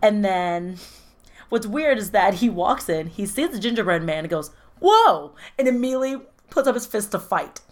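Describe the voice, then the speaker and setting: A woman in casual chat, recapping a film with profane, animated storytelling and frequent laughter. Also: mid-range voice, normal speed. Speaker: podcast co-host recapping a film.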